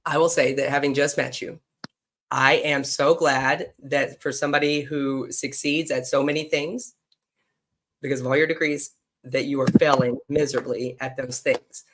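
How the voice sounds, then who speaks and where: A man's voice: medium pitch, level tone, normal speed, a bit bright, slight background noise. A man hosting a casual podcast conversation, chatty, blunt and teasing with his guest. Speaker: podcast host.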